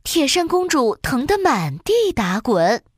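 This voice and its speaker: A woman narrating a children's storybook in an expressive, sing-song storytelling way. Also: high voice, slow pace, no room sound, studio quality.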